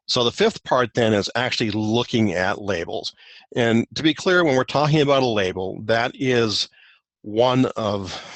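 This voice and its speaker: A man's voice: on the low side, fairly bright tone, no echo. A man presenting a technical guide in a recorded webinar walk-through, explaining loosely with many fillers and restarts.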